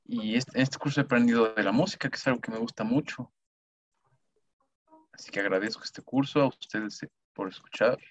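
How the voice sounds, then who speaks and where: A young man with a medium-pitched voice talks casually on a student podcast. The recording is somewhat dull and lo-fi. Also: fairly quick, no echo. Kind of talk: casual thanks and reflection. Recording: dull, lo-fi sound.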